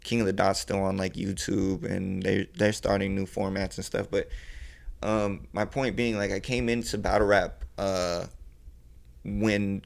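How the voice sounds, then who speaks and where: A man's voice: deep voice, little pitch movement, a little slow, gravelly. A young man from California talking casually as a podcast guest, rambling and laid-back with lots of swearing and fillers. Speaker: podcast guest, battle rapper.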